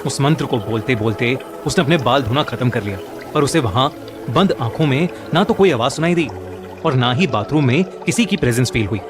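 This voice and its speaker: A man's voice: medium pitch, expressive, a little fast. A man narrating a scripted horror story in a dramatic storytelling manner. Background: music.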